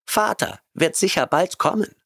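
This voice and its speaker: Shrill squawking parrot-cat creature. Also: male voice, expressive, moderate pace, gravelly, a bit bright, slightly rough, no echo, studio quality, exaggerated voice. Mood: calm. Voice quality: squawking, high and jittery.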